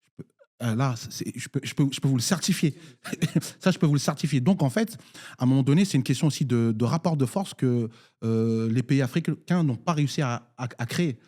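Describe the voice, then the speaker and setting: A man's voice: mid-range voice, brisk, dark tone. A man from Nigeria, a municipal councillor speaking in a political debate, hesitant with many fillers and restarts.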